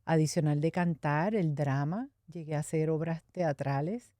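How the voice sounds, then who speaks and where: A middle-aged Puerto Rican woman speaks with a low, mellow voice and a Puerto Rican accent. She recounts her past candidly and reflectively, with a light laugh now and then. The sound is dry and close. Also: normal speed, dry recording. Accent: Puerto Rican Spanish. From Puerto Rico. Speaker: interview guest. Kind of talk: personal testimony in conversation.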